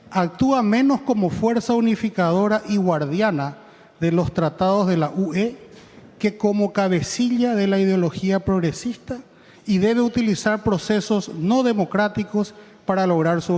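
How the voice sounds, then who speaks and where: A man's voice: a little high, warm tone. A man giving an emphatic, rhetorical political speech on a conference panel. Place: large conference hall. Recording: echoey hall with long reverb.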